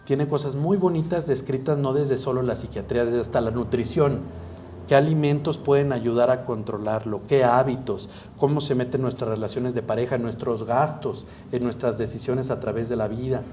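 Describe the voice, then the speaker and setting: A man with a Mexican accent, a psychiatrist giving a live masterclass talk and acting out dialogues with an animated manner. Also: mid-range voice, moderate pace, a little hiss or hum. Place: event hall.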